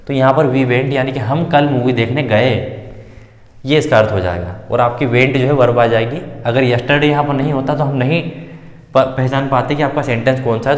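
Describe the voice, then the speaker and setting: Man teaching English grammar in an echoey room. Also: medium pitch. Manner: explains step by step, poses questions and answers them himself. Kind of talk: Hindi-medium grammar lesson. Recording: roomy echo with long reverb.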